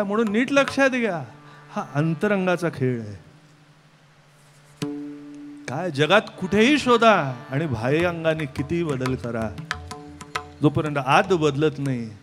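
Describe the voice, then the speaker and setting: A man giving a devotional kirtan sermon, with rhetorical questions and sudden swings from soft to loud. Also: on the high side. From Mumbai, India. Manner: rhetorical, keeps asking "kay", swings between soft and loud. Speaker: kirtan preacher.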